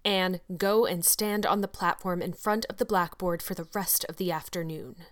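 Storybook part: stern solemn schoolmaster, read by a woman, quiet and grave, smooth voice. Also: lowish voice, steady tone, moderate pace, natural voice. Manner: solemn, reproving.

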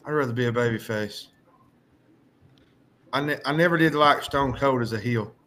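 A man's voice: medium pitch, moderate pace, bright, forceful tone. A man co-hosting a podcast, rambling and laughing through his points. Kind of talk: casual banter.

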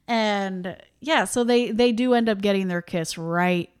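A woman's voice: mid-range voice, slow pace, clear, resonant tone. A young woman co-hosting a podcast, chatting casually about a movie with lots of fillers, laughs and asides. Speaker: podcast co-host. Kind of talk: casual movie-review chat.

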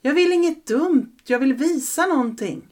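A woman's voice: animated, darkish tone. A woman voicing a see-through ghost boy who begs and coaxes another child to come and play. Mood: pleading. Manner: high, urgent and coaxing. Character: ghostly young boy, eager and pleading.

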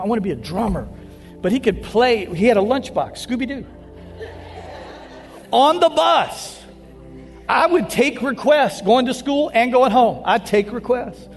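A man with a notably high voice preaches a sermon in a church sanctuary. He tells stories with animated energy and teases his listeners. His voice rings out with a long hall reverb, and faint music plays beneath it. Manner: animated storyteller, joking with the crowd. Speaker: pastor.

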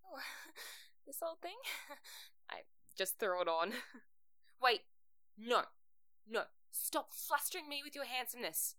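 A woman voicing a flustered young radio co-host with a crush, giggly and quick to get rattled. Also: fairly high pitch, expressive, pushed and bright, dry recording, studio quality.

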